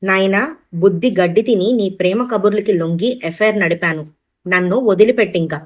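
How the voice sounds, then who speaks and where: A woman's voice: mid-range voice, moderate pace, a little mellow, lightly acted. A woman reading the part of a scornful young mistress with cutting retorts.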